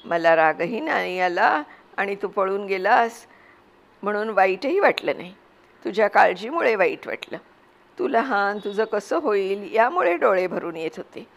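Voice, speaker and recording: A woman's voice: medium pitch, big pitch swings, measured pace, vocal fry. A woman doing a tender village mother. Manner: soft, earnest and consoling.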